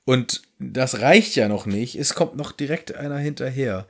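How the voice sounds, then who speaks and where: A man's voice: mid-range voice, normal speed, vocal fry, fairly bright tone. A man co-hosting a casual podcast, teasing and reading quotes aloud with dry humor. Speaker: podcast co-host. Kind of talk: casual book discussion.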